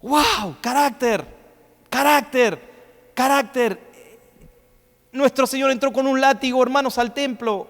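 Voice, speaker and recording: A man preaching a sermon as pastor, swinging between loud, rising questions and quick asides. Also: extremely high pitch. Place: church hall. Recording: long reverb of a church hall.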